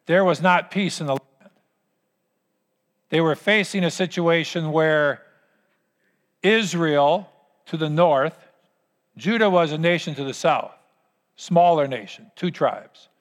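A man preaching a sermon as pastor, with earnest, emphatic phrasing and deliberate pauses. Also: a little high. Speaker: pastor leading a church service. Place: large church hall. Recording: long hall reverb.

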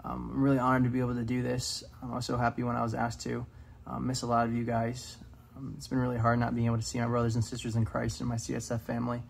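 A student devotional speaker, a man in his twenties with a mid-range, creaky voice, talks fast with a completely flat delivery. His earnest, casual talk is full of "um"s, and he reads scripture aloud. The audio carries a little hiss or hum.

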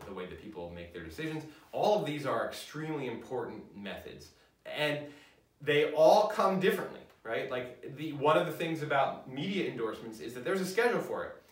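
Casting: male lecturer, chatty and unscripted, heard from a distance in a roomy classroom. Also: mid-range voice. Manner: conversational, frequent fillers and restarts. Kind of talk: university lecture. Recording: roomy echo, mic at a distance.

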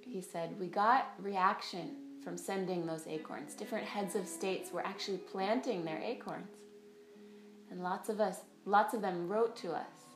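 A woman's voice: medium pitch, a little slow. A woman teaching a guided yoga class, giving step-by-step directions and breath counts. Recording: roomy echo, faint music behind.

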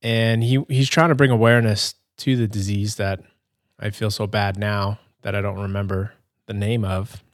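Male podcast host, young adult, low voice, hesitant chatty delivery. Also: fairly even intonation, moderate pace, dry recording, studio quality. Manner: rambling, hesitant, many fillers and restarts. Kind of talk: casual gameplay commentary.

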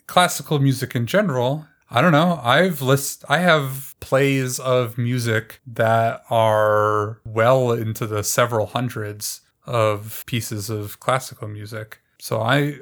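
A man co-hosting a podcast, talking in a measured, argumentative way in casual chat. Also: mid-range voice, fairly bright tone. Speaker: podcast co-host.

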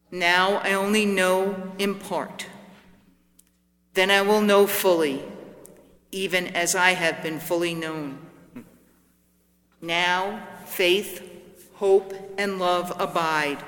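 A man reading scripture aloud at Mass in a deliberate, solemn way, his voice carrying a long church reverb. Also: sits high, pushed and bright. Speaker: lector. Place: large church. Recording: long echo of a large church.

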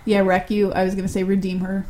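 A woman's voice: mid-range voice, completely flat delivery, quick pace, warm tone, slight background noise. A young woman co-hosting a podcast, chatting casually and enthusiastically, swearing freely. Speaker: podcast co-host.

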